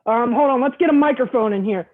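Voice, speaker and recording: A man hosting a live online chat who sounds like he's talking into a tin can through a poor earbud microphone. He talks casually and gets flustered while fumbling with his gear. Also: very high voice. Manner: flustered, fumbling with gear, quick "hold on" asides. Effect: tinny tin-can sound from a poor earbud mic. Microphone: wireless earbuds. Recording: dull, tinny earbud-mic audio.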